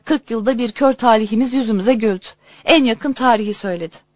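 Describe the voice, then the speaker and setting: A woman reading a humorous story aloud in an expressive, conversational way. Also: a little high, fairly quick, dry recording, clean studio sound. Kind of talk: storytelling narration.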